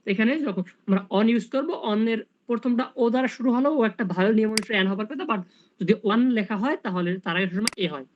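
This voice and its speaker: Fast-talking man tutoring English grammar. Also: sits high, lo-fi sound, slight background noise. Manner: explains step by step, asks rhetorical questions. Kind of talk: casual online tutoring.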